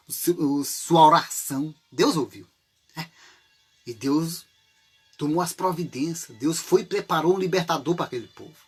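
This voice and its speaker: A man's voice: high-pitched, pushed and bright, husky. A man from Brazil with a Brazilian Portuguese accent, preaching an informal sermon in a chatty way, with many rhetorical and tag questions, and sometimes acting out desperate cries for help.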